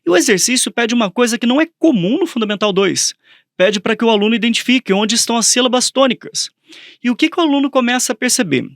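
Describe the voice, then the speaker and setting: A man with a high, bright speaking voice explains literature to a co-host in casual podcast talk. He tells classroom stories animatedly and slips into little acted-out voices for his students. The sound is close and dry. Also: quick pace, no room sound. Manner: animated storytelling, acting out students and characters in quotes. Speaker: Portuguese teacher and podcast co-host. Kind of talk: casual educational podcast chat.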